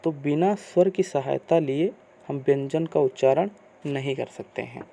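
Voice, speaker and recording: A man teaching a grammar lesson, asking questions and answering them himself in slow, repeated teacherly phrasing. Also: mid-range voice, gravelly, dark tone.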